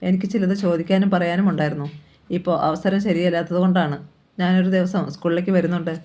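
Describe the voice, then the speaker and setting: A man's voice: high voice, level tone, fast, darkish tone, natural voice. A man reading the part of a hot-tempered, menacing uncle who talks bluntly and threatens. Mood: mocking.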